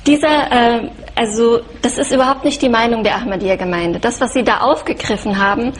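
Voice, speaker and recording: A woman from Frankfurt, a guest in a TV studio debate, who firmly and flatly contradicts the claims put to her. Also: on the high side, fairly quick, slight background noise. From Frankfurt, Germany. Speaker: talk show guest.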